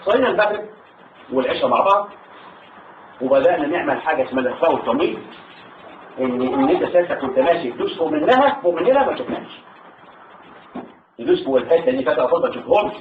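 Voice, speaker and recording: An older Egyptian man with an Egyptian Arabic accent, a war veteran telling his story to a salon audience in an animated, halting way. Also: slight background noise. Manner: animated, rising into high pitch when moved, halting restarts. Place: hall at a literary salon. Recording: tinny distant hall recording with echo.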